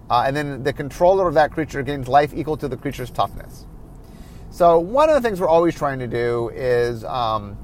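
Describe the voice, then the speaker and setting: A tired man, a card game designer, explaining his work in a solo podcast, often correcting himself and pausing with fillers. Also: on the high side, slight background noise. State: tired, yawning.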